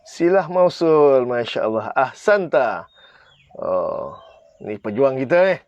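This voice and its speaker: A man's voice: mid-range voice, sing-song, slow, dry recording, muffled recording. A man with a Malaysian Malay accent teaching Arabic grammar in a live online class, quizzing viewers and pressing them to comment and answer.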